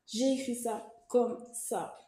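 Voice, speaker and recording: A woman's voice: fairly high pitch, slow pace, warm tone. A woman vlogger talking casually to camera, hesitant and chatty, with lots of fillers and restarts. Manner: informal, reassuring asides. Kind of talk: casual explanatory monologue. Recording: roomy echo.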